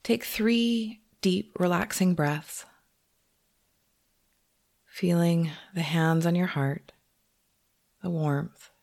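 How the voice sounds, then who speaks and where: Her voice is lowish and gravelly as she leads a guided meditation. She is a teacher who speaks gently, takes her time, and lets long pauses settle.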